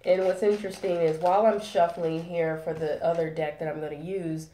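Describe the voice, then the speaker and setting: This woman's fairly low, dark-toned voice comes across flat and brisk in a roomy-sounding space. Nasal from a head cold, she chats through a casual tarot reading, using lots of fillers and checking in often.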